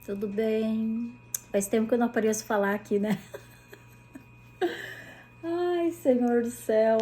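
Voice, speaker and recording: Brief: woman, vlogging mom, chatty and animated, slightly high voice. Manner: chatty, animated, many tag questions. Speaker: mother telling a personal story. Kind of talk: casual storytelling vlog.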